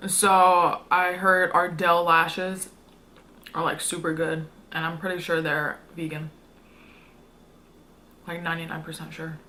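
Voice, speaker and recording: A woman's voice: on the low side, flat delivery, unhurried, pauses often, sharp tone. A young woman chatting casually to her viewers as a food vlogger, in an informal, slangy, rambling way. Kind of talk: casual mukbang chat to viewers.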